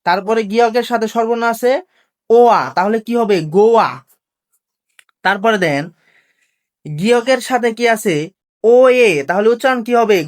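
Patient woman teaching step by step. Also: on the high side. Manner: patient, asks questions and repeats the answers. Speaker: language teacher. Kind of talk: step-by-step classroom lesson.

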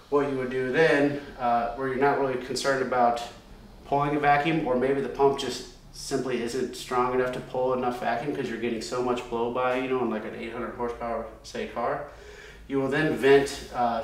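Standing at a chalkboard in a workshop, a thirtysomething man talks through the oiling system of his race car in a loose, chatty way, restarting often and saying um a lot. The medium-pitched voice is steady and at normal speed, picked up by a distant mic in a very echoey room, slightly off-mic.

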